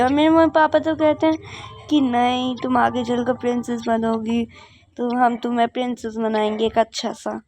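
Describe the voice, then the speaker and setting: A woman's voice: fairly high pitch, a little mellow, lightly acted. A woman voicing a chatty little girl princess who tattles about her sister in a doll game.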